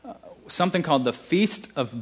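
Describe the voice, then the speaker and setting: A man's voice: on the high side, animated, fairly quick, slightly rough. A man with a Southern US accent preaching a sermon, emphatic, with casual asides and restarts.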